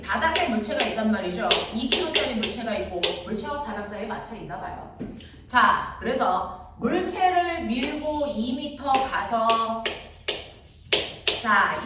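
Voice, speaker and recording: A woman teaching a physics class, constantly checking that students follow with quick questions. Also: a little high. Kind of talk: classroom lecture. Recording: very echoey room, distant mic, audible noise.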